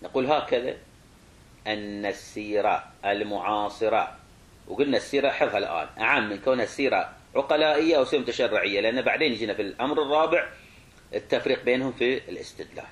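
A man's voice: medium pitch, quick pace, a bit bright. A male religious studies teacher lecturing a class, who repeats and rephrases points, asks rhetorical questions and sometimes restarts words. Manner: clears his throat, restarts words.

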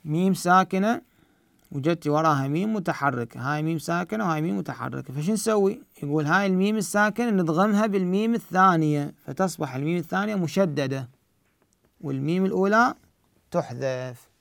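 A man with an Iraqi Arabic accent teaching tajweed, explaining the rules and slowly reciting verse examples. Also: a little high, lively intonation, gravelly, a bit bright, no room sound, clean studio sound.

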